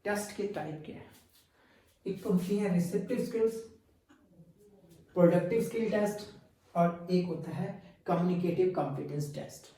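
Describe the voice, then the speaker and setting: A man's voice: high voice, normal speed, long pauses, dark tone, distant mic. A male teacher giving a recorded exam-prep lecture, explaining step by step and answering his own questions as he goes. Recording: very echoey room, voice from afar.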